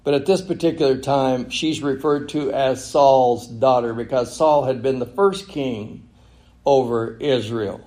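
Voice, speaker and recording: A male pastor preaching a sermon, switching between loud emphatic reading and quiet, intimate asides. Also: mid-range voice, unhurried.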